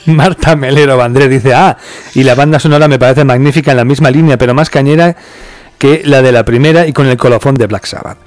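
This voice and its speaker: A man's voice: medium pitch, brisk, no room sound. A man from hosting a casual podcast, chatting about a film and reading out listener comments. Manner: relaxed, chatty, laughs and swears now and then. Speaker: podcast host.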